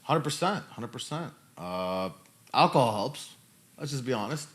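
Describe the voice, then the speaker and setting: A podcast host in his thirties answers questions in casual conversation, emphatic and prone to repeating himself. His medium-pitched, fairly bright voice has lively intonation at a moderate pace.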